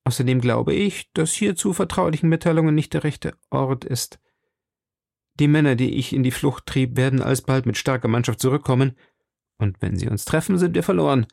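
A man voicing a bold young swordsman who speaks briskly and earnestly to the woman he protects. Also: mid-range voice, gravelly, a little mellow, dry recording, studio quality, natural voice. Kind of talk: audiobook character voice.

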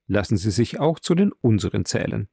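A man's voice: on the low side, big pitch swings, fairly quick, gravelly, mellow, husky, no echo, clean studio sound, full character voice. A man doing a polite young viscount. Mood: courteous. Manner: polite, slightly distracted.

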